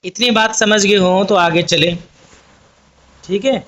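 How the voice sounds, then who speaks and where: A man's voice: sits high, slow, a bit bright. A man teaching an online language lesson, explaining patiently and repeating each point for his viewers. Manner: patient, repetitive explaining, addresses viewers as friends. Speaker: Urdu teacher. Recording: dull lo-fi sound.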